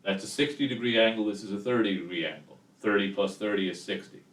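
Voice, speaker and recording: Low-voiced male math teacher, echoey room. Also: fast talker, a bit bright. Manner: casual, step-by-step explaining with check-in questions. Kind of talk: chalkboard trigonometry lesson. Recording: echoey room, distant mic, background noise. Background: chalk scratching and clicks.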